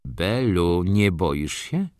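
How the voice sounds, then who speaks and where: A witty older countess teases with comic humility, as a man reads her. Her lines rise in a lively, lifted tone. The recording is dry and close. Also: deep voice, very slow, no room sound, exaggerated voice. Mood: teasing. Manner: teasing mock humility. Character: witty aristocratic aunt, older woman, playful.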